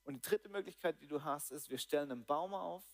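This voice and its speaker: A man preaching a sermon in German, animated, swinging between excited highs and quiet, low lines. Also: quick pace. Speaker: pastor. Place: church hall.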